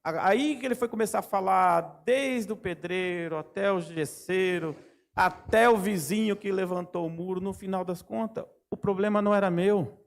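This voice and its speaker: Gravelly, high-pitched Brazilian preacher. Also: male voice, normal speed. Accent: Brazilian Portuguese. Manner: storytelling, acts out his own dialogues. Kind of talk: sermon. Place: church.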